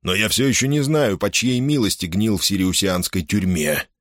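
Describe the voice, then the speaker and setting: A man voicing a gruff, sullen space pirate who grumbles his lines in an audiobook. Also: on the low side, lively intonation, normal speed, a bit bright, no room sound, clean studio sound. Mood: grumbling.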